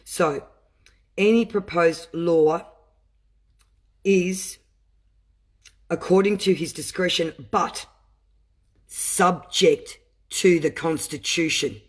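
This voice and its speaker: A man who reads legal text aloud slowly and breaks into impassioned, emotional asides. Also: fairly high pitch. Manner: deliberate reading broken by impassioned asides. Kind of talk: reading aloud and commenting.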